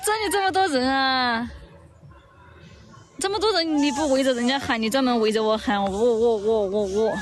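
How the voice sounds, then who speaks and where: A woman's voice: high voice, normal speed, long pauses. A woman hosting a casual livestream in an outdoor park, chatting, teasing and cooing in baby talk on a handheld phone. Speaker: livestream host.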